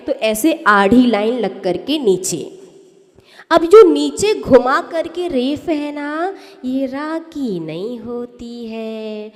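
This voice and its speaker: A woman's voice: fairly high pitch, big-room sound. A woman teaching how to pronounce sacred verses, explaining step by step and putting questions to her listeners. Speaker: religious teacher. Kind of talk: explanatory lesson on recitation.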